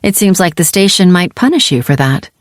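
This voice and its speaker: Brief: woman narrating a calm, controlled commander woman, low and dry, sci-fi audiobook. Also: fairly quick, dry recording.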